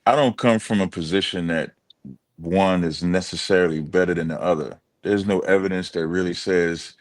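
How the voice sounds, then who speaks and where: A man speaking as a guest on a casual online panel, explaining his view in a measured, even-handed way. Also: low voice, no room sound.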